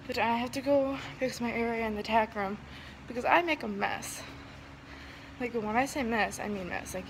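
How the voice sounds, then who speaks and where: A woman's voice: on the high side, a little hiss or hum, rough recording. A young woman filming a casual vlog on a handheld phone, chatting in a rambling, self-correcting way while shopping and in a barn tack room. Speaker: vlogger. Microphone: handheld phone camera at arm's length.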